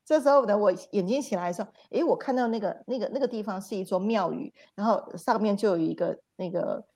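A woman speaks as a spiritual teacher on a livestream. She tells her stories in an animated way, repeating phrases and adding sound words. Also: medium pitch, fast talker. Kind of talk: livestream storytelling talk.

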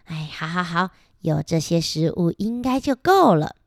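A woman's voice: high-pitched, sing-song, normal speed, pushed and bright, dry recording, studio quality, pitched above the performer's own voice, heavily acted. A woman voicing a greedy, grumpy male cockroach in a children's picture-book reading, whining and stammering. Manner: whiny, stammering. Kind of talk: picture-book read-aloud.

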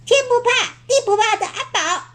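A woman reading a storybook aloud, voicing a pack of mischievous little goblins that taunt in a shrill, squeaky sing-song. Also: moderate pace, a bit bright, slight background noise.

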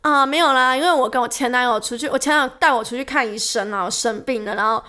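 Fast, bright woman chatting. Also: on the high side. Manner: animated storytelling, laughs often. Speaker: podcast co-host. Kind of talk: casual chat.

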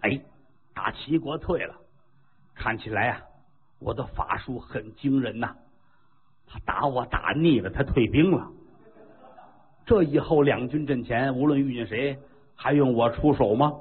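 A man voicing a boastful, befuddled male monk, muttering to himself in a low, quiet voice in a storytelling performance. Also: measured pace, long pauses, husky, narrow, tinny audio. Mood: smug.

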